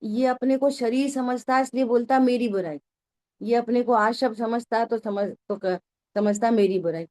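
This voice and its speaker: A woman with a somewhat high voice gives a religious discourse to her class. Her tone is conversational, and she often stops to ask whether the point has landed. She scolds her listeners in a familiar, teasing way. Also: flat delivery, normal speed, darkish tone. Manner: conversational, keeps checking that listeners follow. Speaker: teacher of a scripture study class.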